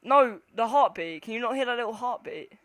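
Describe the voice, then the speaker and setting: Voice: medium pitch, lively intonation, fairly quick, fairly bright tone. A scared horror game streamer chatting casually and swearing with a co-player, jumpy and panicky, moving between nervous muttering and shrieks. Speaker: gamer playing an online horror game.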